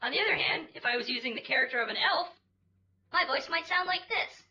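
A man filtered into a high, sharp elf-like woman's voice. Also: lo-fi sound, heavily acted. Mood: demonstrating. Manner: demonstrating, calm and measured. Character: man's voice digitally turned female and elf-like. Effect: voice-changing pitch filter.

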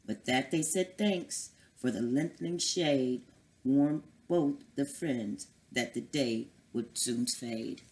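A woman reads a picture book aloud to children, slow and unhurried. Her voice sits very low, and she puts on voices for the animals. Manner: lively storybook reading with character voices. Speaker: guest reader.

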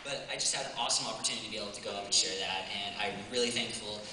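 A young man with a lowish voice talks very fast, first casually and hesitantly with lots of fillers, then launches into a spoken word poem that builds in intensity. The audio is very noisy, captured from far off in an echoey hall with faint ambience.

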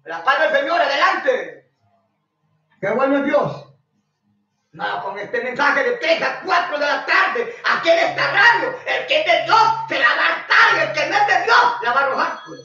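Shouting Honduran preacher on echoey radio. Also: male voice, extremely high pitch, expressive, moderate pace, a little hiss or hum. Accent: Honduran Spanish. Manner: shouting, scolding, mocking. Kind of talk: fiery radio sermon with caller greetings. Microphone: radio studio microphone. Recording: echoey lo-fi radio broadcast from far off.

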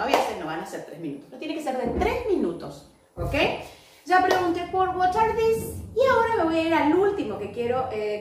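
A woman teaching English to young children in a recorded lesson, slowly modeling phrases. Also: sits high, distant mic, slight background noise. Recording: echoey room, off-mic.

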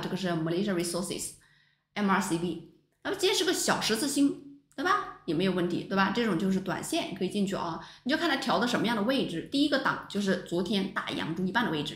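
A woman teaches a stock market class over chart screens. Her pitch swings widely and she keeps throwing rhetorical questions at her viewers. The sound has a roomy echo around it. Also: fairly bright tone. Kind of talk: livestream stock chart lesson.

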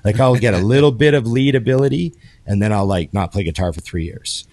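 A man in his forties talks casually as a podcast co-host, rambling and restarting his sentences. His voice sits very low. The sound is dry and close, with no room around it. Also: brisk, darkish tone, no room sound. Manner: rambling, heavy on fillers and restarts. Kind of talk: casual chat. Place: home studio with video call. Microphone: headphones and desk microphone.

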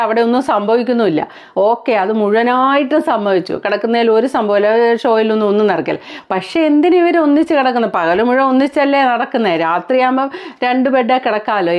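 A woman's voice: on the high side, lo-fi sound. A woman from Kerala giving blunt, critical reality-show commentary as a vlogger, full of rhetorical questions.

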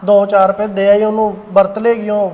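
A man acting a husband in a family drama, speaking calmly and offhandedly. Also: sits high, normal speed, long reverb tail, muffled recording.

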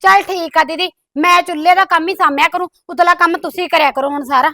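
A woman's voice: very high voice, fairly even intonation, fast talker, pushed and bright, no echo, clean studio sound. A woman playing a defensive young sister-in-law who complains that she does all the housework. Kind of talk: comedy skit acting.

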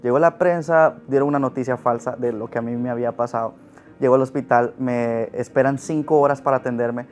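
A man's voice: mid-range voice, steady tone, fairly quick. A young man sharing a personal testimony with earnest, emotional storytelling, then leading a prayer. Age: young adult. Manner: earnest, emotional storytelling, often rising in loudness. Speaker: testimony speaker.

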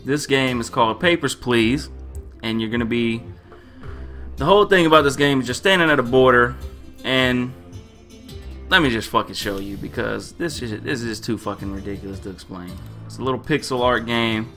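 A man's voice: medium pitch, normal speed, fairly bright tone, faint music behind. A young man casually commenting while he plays a computer game, joking crudely and swearing a lot. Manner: puts on silly accents to read game text. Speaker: gamer. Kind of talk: profane let's-play commentary.

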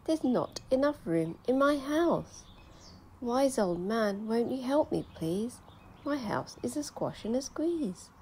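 A fretful little old lady from a storybook, wailing in shrill, high squeaks that leap all over the place, as a woman puts her on. She pleads and frets, drawing out her cries slowly and loudly. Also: very animated, a little hiss or hum. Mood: pleading. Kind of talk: storybook reading.

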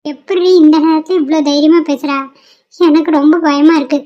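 A woman's voice: high voice, fairly even intonation, normal speed, natural voice. A woman voicing a timid, frightened young office worker in a cartoon, talking anxiously. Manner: anxious, fearful. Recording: dull lo-fi cartoon audio.

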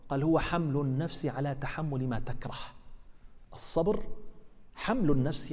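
A man's voice: on the high side, a little mellow. A man giving a colloquial Quran commentary lesson as an imam in a mosque, acting out dialogue and asking rhetorical questions. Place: mosque hall. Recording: reverberant mosque hall.

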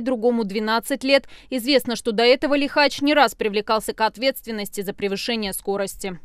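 A woman narrates a news report with a brisk, rapid newsreader delivery. Her voice sits a little high and sounds smooth and clear. The recording is dry, with no room sound. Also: no echo. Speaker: news correspondent.

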